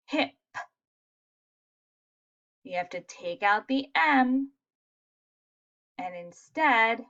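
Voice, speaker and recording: A woman teaching a phonics lesson to young children, sounding out letters slowly and praising answers. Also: medium pitch, a bit bright, dull audio. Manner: slow, sounding out letters, encouraging.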